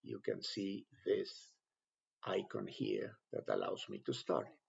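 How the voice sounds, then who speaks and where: Speaking in a sing-song way, a low, very gravelly-voiced man leads a step-by-step software screen tutorial. He uses short, halting phrases like an instructor, captured on a somewhat dull, lo-fi recording.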